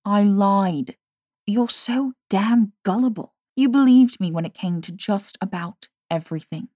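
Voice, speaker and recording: A cold, smug young woman bent on revenge, voiced by a woman narrator, her words sharp and scornful. She spits resentment in a dry, close audiobook voice. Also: mid-range voice, unhurried, dry recording, lightly acted. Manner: scornful, cutting.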